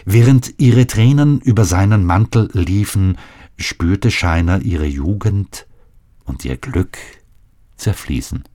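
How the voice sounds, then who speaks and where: A man narrates a story in a very low, unhurried voice. His reading is measured and solemn, in a steady audiobook style.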